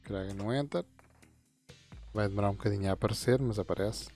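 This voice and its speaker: A gaming channel host in his fifties talks viewers through a chat setup in a casual screen-recorded tutorial, his low, darkish voice rambling and restarting as he clicks through menus. Faint music plays underneath his halting explanations.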